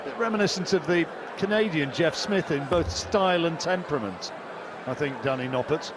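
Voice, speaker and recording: A male sports commentator with a slightly high voice talks through a darts match. He is conversational and drops in wry asides, with clear crowd noise from the venue behind him. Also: animated, normal speed. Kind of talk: live sports commentary, chatty co-commentary.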